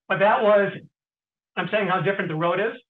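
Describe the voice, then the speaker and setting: A middle-aged man, an interview guest, tells stories in a casual way, often clearing his throat and pausing with fillers. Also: sits high. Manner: anecdotal, frequent throat clearing and hesitant fillers. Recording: tinny phone-like sound.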